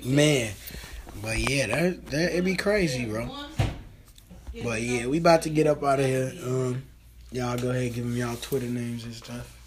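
A man's voice: medium pitch, moderate pace, crowd noise. A man hosting a casual podcast, talking loosely and profanely with lots of fillers. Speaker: podcast host.

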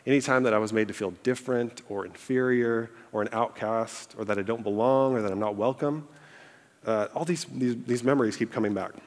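A man of medium pitch talks a little fast as he gives a farewell speech to his congregation. In his thirties, Egyptian-born and American-raised, this church staff member stands on stage in a church auditorium, telling honest, self-deprecating stories full of fillers. Audience laughter and the long reverb of a large hall surround him.

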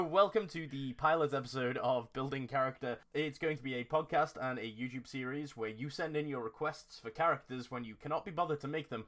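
A man's voice: mid-range voice, fairly bright tone. A man co-hosting a casual podcast about building tabletop characters, joking and laughing easily. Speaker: podcast co-host.

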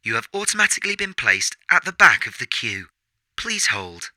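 A man voicing a smug automated phone menu for a comedy sketch, sounding flat and patronizing. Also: medium pitch, moderate pace, lightly acted. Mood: mock polite.

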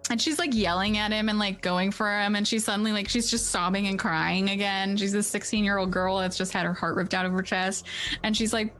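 A woman game master narrating a tabletop scene in a loose, chatty manner. She talks in a middle pitch with lots of fillers and small laughs. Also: fairly even intonation, fairly quick, a bit bright, faint music behind. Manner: casual, many fillers, laughing.

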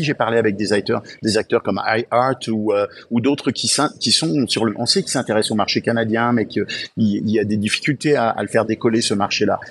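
A man with a fairly low voice, speaking as a guest in a remote interview. He talks with eager enthusiasm, in bursts, and often restarts his sentences, with a faint hum of noise behind him. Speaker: guest podcaster. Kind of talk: remote interview, casual chat.

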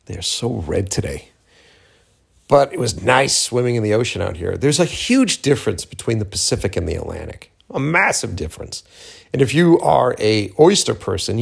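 A man's voice: lowish voice, vocal fry, husky. A man from Cape Cod speaking in a casual, rambling monologue, candid and sweary with slangy asides. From Cape Cod, Massachusetts, USA. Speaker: filmmaker hosting a personal audio journal.

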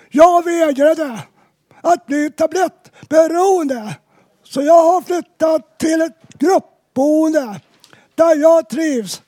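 A woman telling her own story in plain, measured sentences, then introducing the next speaker at a community event. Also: high voice, dark tone, no echo, studio quality. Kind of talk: personal testimony read aloud.

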